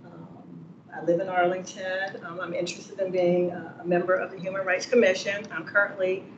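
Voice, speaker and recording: A woman's voice: on the low side, level tone, normal speed, noisy background. A woman briefly introducing herself as an applicant at a public meeting, plain-spoken. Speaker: commission applicant. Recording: echoey room, dull sound.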